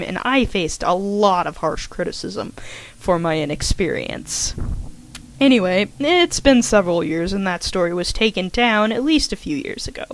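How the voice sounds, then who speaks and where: With a medium-pitched voice and no echo in the recording, a young adult woman reads her own personal commentary as a fan fiction writer. The script is casual, and her delivery is talkative and self-deprecating, with the odd verbal stumble.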